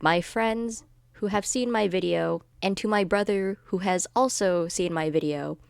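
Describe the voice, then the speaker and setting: A woman talking in a monotone, rambling and self-deprecating way in a casual vlog. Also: mid-range voice, unhurried, vocal fry, smooth, no room sound, clean studio sound. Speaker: video creator.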